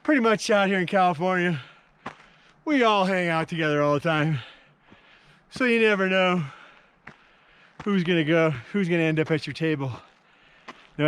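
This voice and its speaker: A man's voice: on the high side, a bit bright, slight background noise. A man narrating his day hike on a mountain trail, easygoing and joking, a bit out of breath, recorded outdoors on a handheld camera. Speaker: hiker vlogger.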